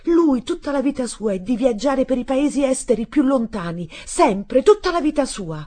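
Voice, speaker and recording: A woman voicing a hot-tempered boy who shouts in anger to defend his father. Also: fairly low pitch, animated, unhurried, husky, full character voice. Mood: furious.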